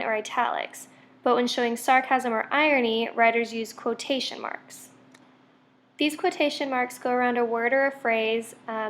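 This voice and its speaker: A young woman teacher clearly and methodically explaining a grammar lesson, reading out quiz items and going through the answers. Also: on the high side, fairly bright tone, a little hiss or hum.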